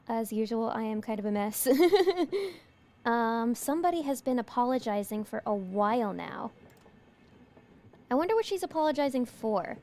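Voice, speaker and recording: A woman's voice: a little high, lively intonation, normal speed, darkish tone. A young woman from New York streaming a horror game, chatty and giggly as she talks to her chat. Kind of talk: let's play commentary.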